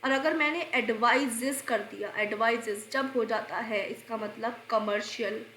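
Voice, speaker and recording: High bright woman teaching grammar. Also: roomy sound, a little hiss or hum. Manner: explains slowly, repeats answers, asks and answers own questions. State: unwell, coughing and clearing throat. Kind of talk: exam-prep grammar lesson.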